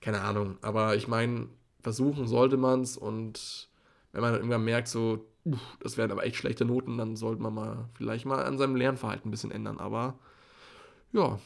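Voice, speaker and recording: A man's voice: mid-range voice, level tone, normal speed, gravelly. A teenage boy co-hosting a casual podcast, rambling through school anecdotes with lots of fillers. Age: teens. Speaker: podcast co-host, school student.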